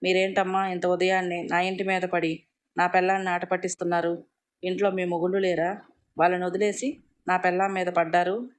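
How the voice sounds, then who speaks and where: A woman voicing a tender, devoted young husband in a storybook reading, gentle and pleading. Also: on the low side, little pitch movement, brisk, close to an everyday voice. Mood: teasing.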